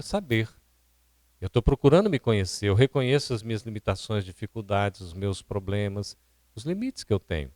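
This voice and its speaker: Speaking with a medium-pitched, darkish voice and no echo, a Brazilian man instructs a public-speaking seminar at a spiritist centre's hall. He explains his points in a didactic manner and asks the audience questions.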